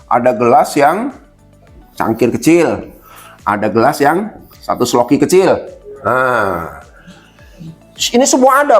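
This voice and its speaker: A man giving a motivational seminar talk, addressing the audience directly and acting out little quoted exchanges. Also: medium pitch. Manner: lively, addresses listeners as "Pak", acts out quotes. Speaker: motivational speaker.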